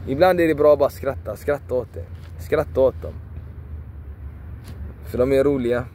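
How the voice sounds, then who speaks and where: A man preaching with fierce repetition, hammering the same words again and again with the odd curse thrown in. He speaks at a middling pitch, and faint traffic hums behind him outdoors. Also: mellow. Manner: repetitive, emphatic, preachy, swears for emphasis. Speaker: video creator. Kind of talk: passionate motivational monologue.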